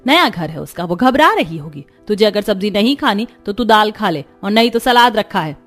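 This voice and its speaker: A woman's voice: medium pitch, animated, moderate pace, soft background music. A woman voicing a kind, caring middle-aged mother-in-law who speaks soothingly but firmly. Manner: soothing, gently firm. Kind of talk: cartoon story voice acting.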